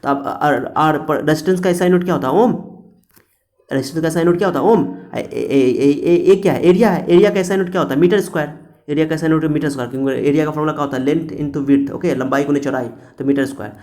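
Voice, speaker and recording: Guy teaching physics, voice a bit high, keeps repeating stuff and quizzing himself, loud then quiet. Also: fast talker. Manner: repetitive, coaxing, asks and answers his own questions. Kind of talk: classroom-style lecture to students.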